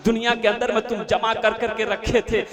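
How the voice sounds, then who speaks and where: Preacher voicing an accusing snake of wealth. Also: male voice, sits high, level tone, moderate pace, crowd noise, lightly acted. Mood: reproachful. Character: hoarded wealth turned snake, male, accusing.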